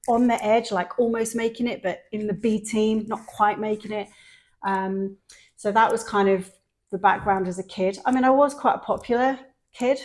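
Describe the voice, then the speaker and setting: A middle-aged woman from England with a mixed London and Sheffield accent, telling her story as a podcast host in casual chat. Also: medium pitch. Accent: mixed London and Sheffield English. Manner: chatty storyteller, lively quoted voices.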